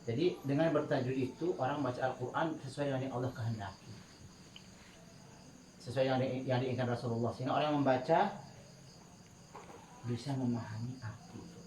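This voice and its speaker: Brisk and pausing often, a man with a mid-range, darkish voice leads a chatty tajwid lesson for his students. He laughs as he tells anecdotes and regularly slips into melodic chanting to demonstrate recitation rules. Faint crickets, a roomy space, distance from the mic, and a little hiss or hum mark the recording.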